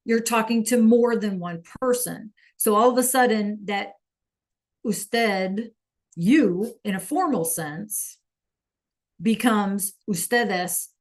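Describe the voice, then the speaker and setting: A woman teaching a Spanish lesson online, patiently checking in with her students and praising answers from the chat. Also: mid-range voice.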